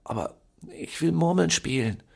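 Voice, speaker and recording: A little boy's voice, pitched high and bright with a lively, bouncing melody, as a man reads the part aloud. It stays childlike and a bit husky around the edges. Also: normal speed, heavily acted. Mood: pleading. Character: little boy, cheerful and plaintive.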